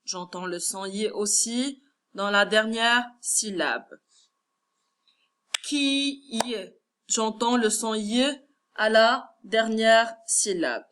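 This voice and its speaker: A woman teaching first grade, Moroccan French accent audible, works through a lesson correction and spells out words syllable by syllable with patience. She talks slowly in a mid-range, fairly bright voice.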